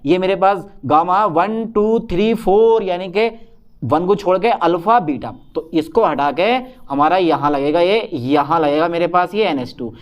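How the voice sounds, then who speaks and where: With a voice that sits high and moves a little slowly, a young chemistry teacher works at a whiteboard, talking to his class and answering his own questions in the voice of a student.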